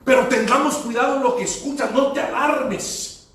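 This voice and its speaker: A pastor preaches a sermon in an extremely high-pitched, slightly bright voice at a normal pace, telling stories and slipping into English phrases. He sounds far off, his voice echoing through a hall.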